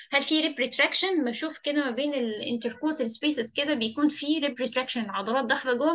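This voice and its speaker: A young woman with an Egyptian Arabic accent teaches a medical lecture at a brisk clip. Her voice sits high, and she drops English terms into her Arabic, slowing down to read them aloud. She checks in with her listeners again and again. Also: bright, forceful tone. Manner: frequent checking "تمام؟" with listeners.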